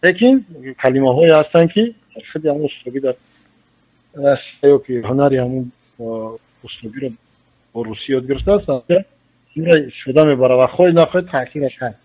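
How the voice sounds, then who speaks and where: A man with a Tajik accent, a journalist answering in a radio interview, speaking slowly and deliberately as he explains. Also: mid-range voice. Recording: muffled radio recording.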